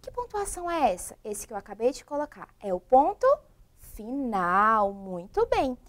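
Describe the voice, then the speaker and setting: A woman's voice: on the high side, very animated, normal speed. A woman teaching a primary school class on a broadcast lesson, asking the children at home many questions. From Brazil. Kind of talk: televised remote classroom lesson.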